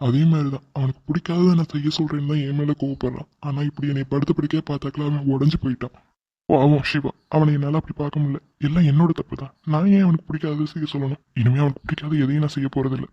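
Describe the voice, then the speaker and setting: A man voicing a gravelly remorseful old father. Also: a little high, level tone, fast, dry recording, highs cut off. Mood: regretful. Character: remorseful older father, stern but loving. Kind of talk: cartoon voice acting.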